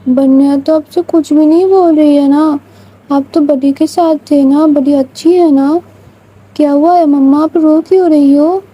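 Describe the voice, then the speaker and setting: A woman voicing an anxious little girl who pleads with slow, repeated questions. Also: high-pitched, fairly even intonation, mellow, pitched above the performer's own voice, close to an everyday voice, rough recording. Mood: pleading.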